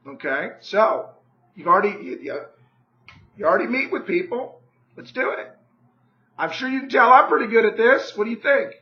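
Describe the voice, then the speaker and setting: Hoarse man, high voice, pushy real estate pitch on a phone call, echoey dull room. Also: moderate pace, pauses often. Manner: persuasive, pushy, repeats "okay?" and "right?"; clears throat often. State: hoarse, losing his voice.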